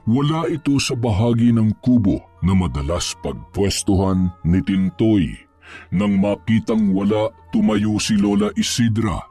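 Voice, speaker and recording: A man narrating a scripted horror story in a measured, suspenseful storytelling manner. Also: fairly low pitch, warm tone, soft background music.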